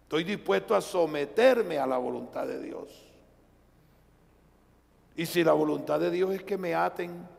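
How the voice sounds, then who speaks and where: A man with a Colombian accent preaches a live sermon in a raised, rough, fry-laden voice. His delivery surges loud and then sinks to hushed asides. The church's long reverb trails behind every phrase. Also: measured pace, pauses often. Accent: Colombian Spanish. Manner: swings from loud preaching to low, quiet asides. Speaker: pastor. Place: church sanctuary.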